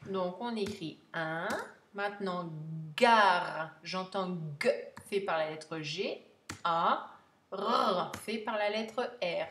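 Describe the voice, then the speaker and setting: Slow, deliberate woman giving dictation. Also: on the low side, a bit bright, a little hiss or hum. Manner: spells letter by letter, repeats each word very slowly. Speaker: teacher giving a spelling dictation. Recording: echoey room.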